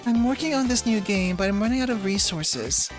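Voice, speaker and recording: A woman's voice: mid-range voice, animated, fairly quick, voice pushed up, natural voice. A woman voicing a shy, anxious young girl from a game, with a hesitant, stammering delivery. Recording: music behind the voice.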